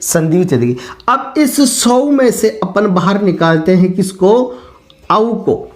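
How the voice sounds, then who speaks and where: A man giving a grammar lesson at a slow, deliberate pace. He keeps asking his students what comes next and then answers himself. His explaining stays patient and step by step. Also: sits high, expressive. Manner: poses questions to the class and answers them himself. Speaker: teacher.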